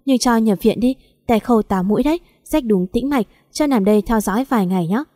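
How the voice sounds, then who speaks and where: Woman reading the part of a brisk male doctor in a storybook, matter-of-fact, mellow tone. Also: on the high side, dry recording, studio quality, lightly acted. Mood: reassuring. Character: brisk male hospital doctor reassuring a relative.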